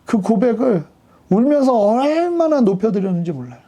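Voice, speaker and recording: A middle-aged male pastor delivers a sermon in a high voice with a gravelly edge. His tone is dark and mellow rather than bright. He moves from quiet storytelling to fervent emphasis. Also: sing-song, moderate pace.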